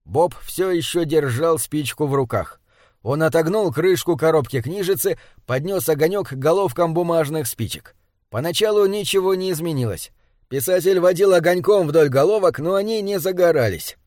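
Male narrator, steady read, slightly high voice, dry close studio sound. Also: normal speed, no room sound. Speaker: audiobook narrator. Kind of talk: scripted narration.

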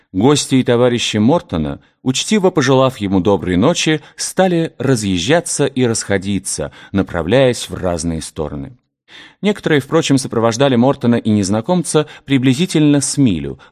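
Expressive male audiobook narrator. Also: lowish voice. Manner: expressive reading with varied character voices. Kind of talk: audiobook reading of a historical novel.

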